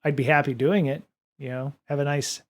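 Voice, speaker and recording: Brisk and fairly high-pitched, the man keeps his intonation fairly even. As a podcast and livestream host on a laid-back home-studio stream, he responds to viewer comments, rambling with plenty of fillers and restarts. He uses a studio microphone at his desk.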